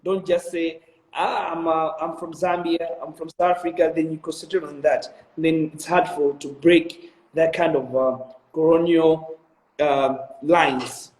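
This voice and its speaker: A young Malawian-accented man in his twenties, a video director, answers interview questions in an earnest, motivational way, with many ums and restarts. His voice is a little high and darkish, steady in tone and measured in pace. The room is echoey and the audio poor.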